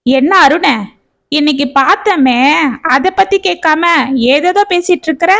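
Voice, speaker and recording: A woman's voice: high voice, creaky, fairly bright tone, voice pushed up, exaggerated voice. A woman playing a sly, meddling older aunt. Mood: insinuating. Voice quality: drawn-out, insinuating.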